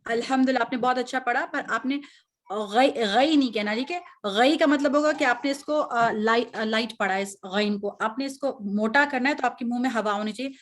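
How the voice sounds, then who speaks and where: A woman's voice: a little high, a little fast, few pauses. A woman teaching Quran recitation, patiently correcting students and drawing out each sound as she models it. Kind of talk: online recitation lesson.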